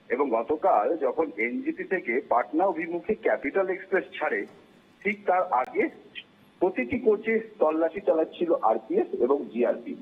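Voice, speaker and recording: Husky male reporter on a tinny phone line. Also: high voice. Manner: measured, explanatory, with hesitant "ah" fillers. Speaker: field reporter.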